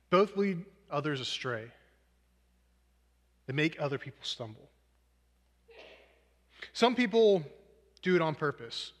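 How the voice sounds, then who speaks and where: Earnest male preacher with a fairly high voice, self-mocking asides, lingering hall echo. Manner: earnest, self-deprecating, uses movie examples. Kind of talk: sermon. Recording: long hall reverb.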